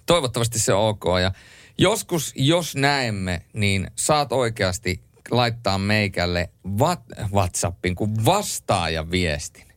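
A man's voice: on the low side, sing-song, no room sound. A man co-hosting late-night radio from a studio, playfully quizzing listeners and joking with his co-host. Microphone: studio microphone.

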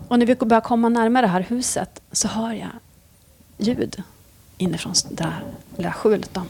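A woman's voice: mid-range voice, slight background noise. A woman, a police officer, animatedly telling a story in casual conversation and swearing freely. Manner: lively, swears freely, acts out scenes.

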